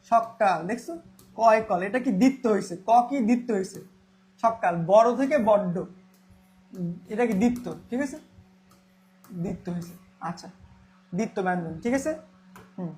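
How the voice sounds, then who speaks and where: A man's voice: extremely high pitch, animated, a little fast, pauses often, darkish tone, soft background music. Bangla teacher quizzing his class. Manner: repetitive, asks and answers his own questions. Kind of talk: online Bangla grammar class.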